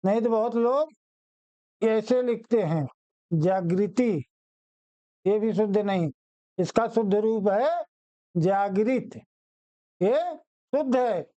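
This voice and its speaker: A woman's voice: fairly high pitch, expressive, dark tone, lo-fi sound. A woman teaching a Hindi exam-prep class, saying each word again and again as she drills spellings and speaks straight to her students. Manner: repeats each word slowly, drawing it out; addresses students directly, plain chalk-talk tone.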